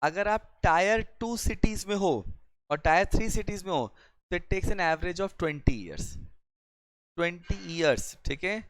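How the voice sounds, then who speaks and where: A man with an Indian accent giving a recorded law lecture, mixing Hindi and English and often asking the class "clear?" as he explains with everyday examples. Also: high voice, animated, slow pace, fairly bright tone, no echo.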